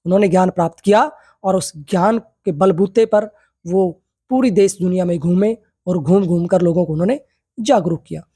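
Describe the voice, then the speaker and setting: A man teaching a yoga theory class. He reads English text slowly, then explains it in Hindi, often checking in with tag questions and asking his students rhetorical questions. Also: sits high, warm tone, husky, no echo. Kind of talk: lecture.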